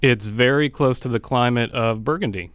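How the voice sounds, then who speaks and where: A man's voice: medium pitch, moderate pace, fairly bright tone, dry recording. A man from Buffalo, New York with a Western New York accent, a guest chatting easygoingly about wine on a radio show in a studio, with many fillers. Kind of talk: casual radio chat.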